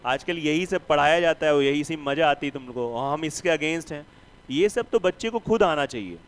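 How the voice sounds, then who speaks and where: A man's voice: fairly high pitch, lively intonation, normal speed, clear, resonant tone, poor audio. A man teaching a math class, who teases and scolds his students and keeps asking them questions. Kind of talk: classroom lecture.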